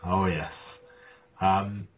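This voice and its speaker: Deep-voiced man on a tinny line. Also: steady tone, drawn-out words. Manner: rambling, reminiscing, many ums and restarts. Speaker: podcast guest. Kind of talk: casual chat. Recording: tinny phone-like line, faint noise.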